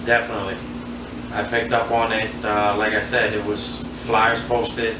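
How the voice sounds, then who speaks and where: This is a new man, a Queens, New York native in his forties who plays handball, reminiscing as a guest in a laid-back interview. His lowish voice moves at a moderate pace and comes across flat and roomy from a distant, noisy mic. He rambles easily, leaning on plenty of fillers.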